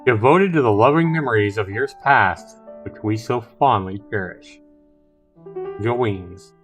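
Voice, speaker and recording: A live streamer and show host chats casually while commenting on a game, reading on-screen text aloud as he goes. His voice is fairly low and fairly bright, and he's unhurried. Music plays underneath him.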